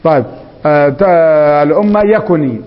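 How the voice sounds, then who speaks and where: Egyptian teacher quizzing a class. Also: male voice, fairly high pitch, expressive. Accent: Egyptian Arabic. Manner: quizzing students, slow drawn-out recitation of examples. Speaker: Arabic grammar teacher. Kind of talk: classroom grammar lesson. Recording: echoey hall, dull lo-fi sound.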